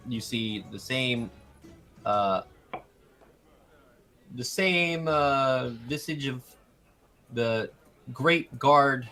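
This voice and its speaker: A man narrating as game master of an online tabletop game, with many pauses and fillers. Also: mid-range voice, pushed and bright, soft background music. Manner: halting, many fillers, laughs mid-line.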